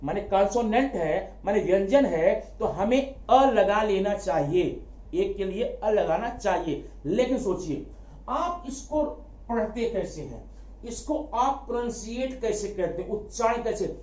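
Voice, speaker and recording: A man teaching a grammar lesson, asking quick rhetorical questions, answering them himself and repeating key words for emphasis. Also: high-pitched, animated, darkish tone. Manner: addresses students familiarly as brother. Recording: echoey room, dull lo-fi sound.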